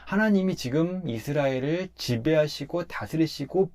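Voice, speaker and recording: A man, a pastor, talking through a Bible passage in a relaxed conversational way, emphatic as he explains step by step. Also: on the high side, normal speed.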